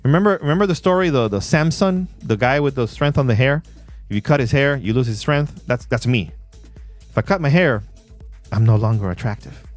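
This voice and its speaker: A man hosting a casual livestream, playful and laughing often while he reads chat shout-outs. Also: medium pitch, expressive, a little fast, faint music behind. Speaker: livestream host. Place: in Puerto Rico.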